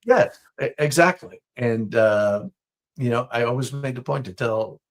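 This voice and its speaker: A man from Israel appears as a business guest, answering interview questions thoughtfully and in a measured way, with many fillers. His voice is medium-pitched with lively intonation.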